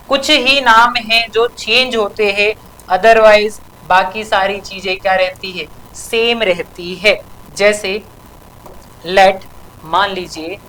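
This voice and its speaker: A woman's voice: medium pitch, a bit bright, low-quality recording. A woman teaching a chemistry lesson for exam prep, asking a question and then answering it herself, adding a tag question after many sentences. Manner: keeps asking and answering her own questions.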